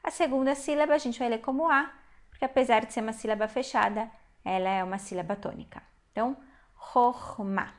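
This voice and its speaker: A woman teaching a Hebrew reading lesson, explaining patiently step by step and slowing down to spell out syllables. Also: fairly high pitch. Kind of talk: online language lesson.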